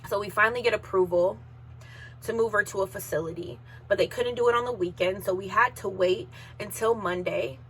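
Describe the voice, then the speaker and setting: A woman in her thirties shares a painful personal story on her podcast, her voice bright and forward. She talks in an emotional, unpolished way and at times holds back tears. A faint hum sits under the recording. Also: medium pitch, a little fast. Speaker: podcast host.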